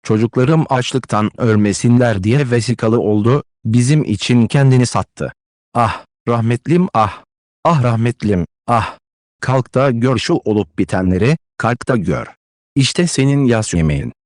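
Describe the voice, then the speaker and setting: A man's voice: medium pitch, measured pace, a little mellow, no room sound, close to an everyday voice. A man voicing a distraught, consumptive widowed mother who pleads and scolds with emotional declamation, in a dry close-miked audiobook read. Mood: anguished.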